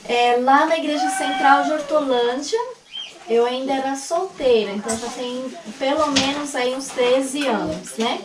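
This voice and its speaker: High-voiced woman, distant and echoey. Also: animated, measured pace, noisy background. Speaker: missionary co-host. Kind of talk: casual storytelling chat.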